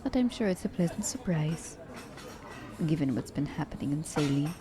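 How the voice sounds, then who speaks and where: A voice actor plays a poised, teasing female assassin in an ASMR romance roleplay, addressing her captive werewolf formally and condescendingly. Her low-pitched voice is animated at a normal pace, with slightly stilted wording and a teasing, welcoming mood.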